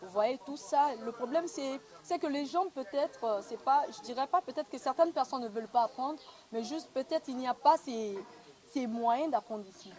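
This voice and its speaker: Recorded on noisy location sound, this young Congolese actress from the Republic of the Congo chats through an interview in a conversational way. Her voice sits high with a darkish tone, and she speaks at a moderate pace.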